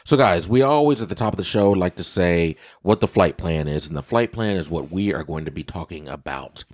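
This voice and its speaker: Brisk and playful, this podcast host tells stories with lots of animated repetition in a very deep, slightly raspy voice, keeping the casual conversation loose.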